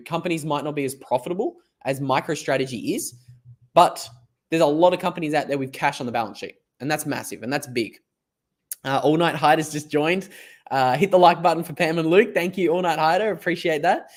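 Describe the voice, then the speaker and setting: Hoarse Australian man hosting a live stream. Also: a little high, moderate pace. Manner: rambling, chatty, reads chat comments aloud. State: hoarse, lost voice. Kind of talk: casual live stream commentary.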